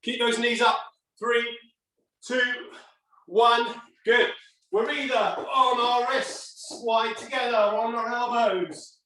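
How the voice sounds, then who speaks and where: A middle-aged man coaching a workout like a barking gym coach, energetic, in short urgent commands and countdowns. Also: extremely high pitch. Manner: energetic, exercising while talking. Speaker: fitness coach leading a workout class. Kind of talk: live HIIT workout instruction. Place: indoor home gym. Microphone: camera device a few steps away. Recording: roomy echo, distant mic.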